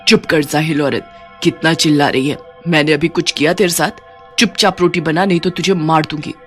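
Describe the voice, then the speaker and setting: A woman's voice: low-pitched, fairly even intonation, brisk, a bit bright. Greedy bossy cartoon witch who cackles and threatens, a woman doing the voice, faint music under it. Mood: threatening. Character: gleeful greedy female witch, bossy and menacing.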